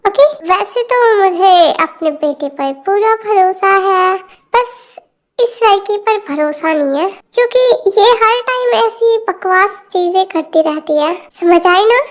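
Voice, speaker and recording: A woman's voice: very high voice, animated, takes it slowly, exaggerated voice. A woman voicing a strict middle-aged mother in an amateur fan dub, bossy and ending orders with "okay?". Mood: stern.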